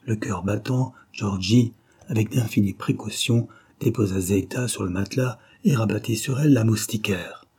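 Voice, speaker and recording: A man narrating a novel as an audiobook, in a measured, dramatic storytelling manner. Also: lowish voice, darkish tone, husky.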